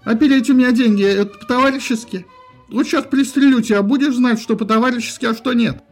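A man's voice: very high voice, quick pace, soft background music, voice pushed up. A man reading aloud, voicing a hot-headed male gangster turned revolutionary who blusters and threatens. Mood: furious.

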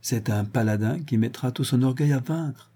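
A man voicing a cruel, unhinged male villain in an audiobook reading, ranting and gloating, swinging between loud shouts and low hisses. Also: normal speed, breathy edge.

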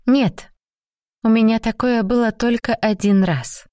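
A woman voicing an eager, earnest young woman in love in an audiobook, her voice lifted high and breathy. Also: a little slow, mellow, dry recording, studio quality, natural voice. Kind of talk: audiobook reading.

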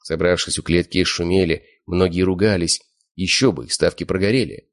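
A man narrating an audiobook in the first person, steady and smug. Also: deep voice, moderate pace. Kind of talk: scripted narration.

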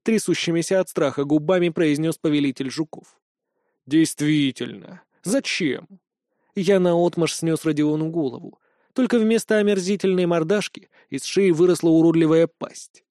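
A man narrating a first-person audiobook, gruff and menacing in the hero's lines. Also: a little high, normal speed, warm tone, dry recording, clean studio sound.

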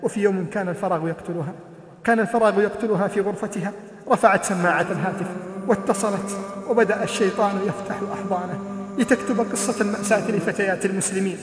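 Male preacher, very high voice, rapid delivery, dramatic chanting sermon, echoey hall. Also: steady tone. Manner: dramatic, chanting rises into near-shouting. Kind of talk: emotional sermon storytelling.

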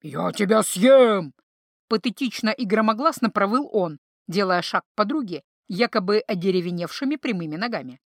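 A woman narrating a fantasy audiobook in an even, clear storytelling manner. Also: medium pitch, brisk, few pauses, no room sound, clean studio sound. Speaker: audiobook reader. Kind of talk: scripted narration.

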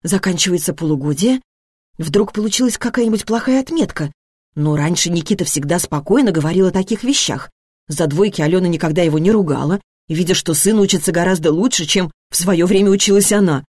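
A woman reading a novel aloud as narrator, with expressive storytelling that shifts tone with the scene. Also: lowish voice, brisk, slightly rough, no room sound, studio quality. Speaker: audiobook narrator. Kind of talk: scripted narration.

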